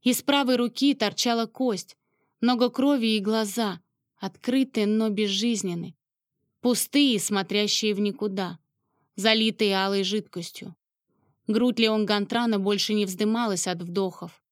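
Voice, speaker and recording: A woman's voice: mid-range voice, unhurried, dry recording, clean studio sound. A woman narrating a first-person romance novel with emotional, dramatic storytelling. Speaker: audiobook narrator.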